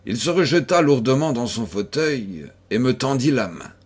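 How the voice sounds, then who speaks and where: A man reading a novel aloud as an audiobook, in a measured storytelling manner. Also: mid-range voice, animated, slightly rough. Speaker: audiobook reader. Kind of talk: scripted audiobook narration.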